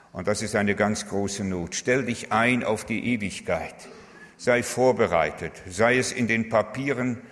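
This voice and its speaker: A man preaching a sermon, earnest and exhorting, speaking straight to his listeners. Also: medium pitch. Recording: long hall reverb.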